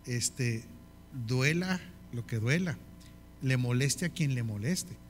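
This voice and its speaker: A man's voice: mid-range voice, animated, takes it slowly, slight background noise. A man with a northern Mexican accent teaching a leadership course in sermon style, often checking with the audience and listing in repeated phrases. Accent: northern Mexican Spanish.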